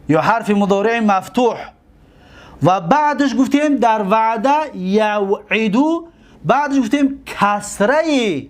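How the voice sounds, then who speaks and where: A man whose first language is Tajik, teaching Arabic verb forms, who repeats each word slowly and asks and answers his own questions. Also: sits high. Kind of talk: classroom grammar lesson.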